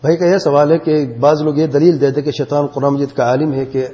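Man, religious teacher, encouraging, mellow tone, dull audio, reverberant hall. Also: on the high side, little pitch movement. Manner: encouraging, explanatory. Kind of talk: classroom teaching.

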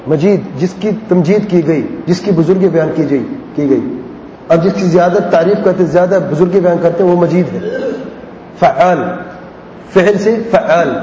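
A man teaching Arabic grammar in a classroom lesson. He repeats word patterns patiently and asks questions that he then answers himself. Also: dark tone. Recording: echoey hall, dull lo-fi sound, faint rumble.

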